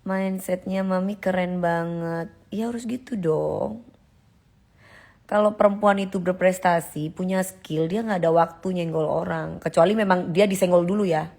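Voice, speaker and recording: Live-stream host, woman, 40s, gravelly fry, chatty and emphatic. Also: on the low side, steady tone, normal speed, a little mellow. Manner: chatty, emphatic, answers comments directly. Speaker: live-stream host reading viewer comments. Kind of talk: casual live-stream chat.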